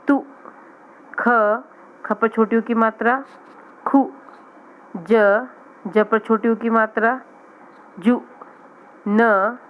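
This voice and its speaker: A woman teaching young children to read, slowly sounding out each letter and word. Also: fairly high pitch, muffled recording, slight background noise. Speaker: primary school teacher. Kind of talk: children's reading lesson.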